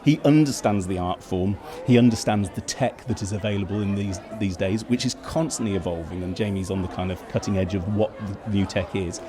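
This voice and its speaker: In a backstage interview at a crowded, noisy event, a man who heads a theatre company answers questions fluently and explains things at length. His voice is fairly low and brisk, with hardly any pauses.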